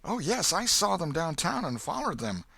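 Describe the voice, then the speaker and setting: Man voicing a high-pitched, anxious country boy. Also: big pitch swings, gravelly, sharp tone, breathy edge, no echo, full character voice. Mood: hesitant, earnest. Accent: rural American. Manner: rustic ungrammatical talk, anxious and halting. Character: frightened, ragged vagabond boy, humble and uneducated. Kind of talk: audiobook character voice.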